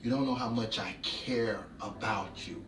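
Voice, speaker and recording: A man delivers an emotional, heartfelt spoken tribute that keeps building into impassioned repetition, his voice lowish and a little slow. The background is noisy, with an echoey room, a distant mic, and faint music.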